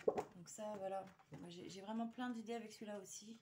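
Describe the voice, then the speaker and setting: A woman's voice: medium pitch, steady tone, brisk, very noisy. A woman chatting casually to her viewers while showing a paper haul, hesitant with many fillers and restarts.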